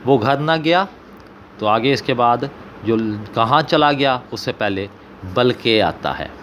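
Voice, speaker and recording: A man with a Pakistani Punjabi accent, an Urdu teacher working through an exam paper and slowly repeating example sentences. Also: mid-range voice, lively intonation, fairly bright tone, a little hiss or hum.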